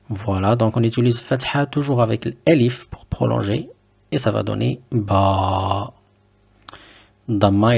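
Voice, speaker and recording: Low gravelly guy teaching letters, patient, says every word twice. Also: darkish tone. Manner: patient, slow, repeats words to drill them. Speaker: Arabic teacher. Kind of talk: French-language lesson teaching Arabic letters.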